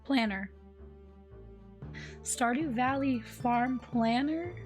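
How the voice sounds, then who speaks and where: A hoarse young woman livestreaming, telling a story in a chatty, laid-back way with lots of "like". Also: high-pitched, drawn-out words. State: hoarse, losing her voice. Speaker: streamer. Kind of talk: casual livestream chat. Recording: faint music in the background.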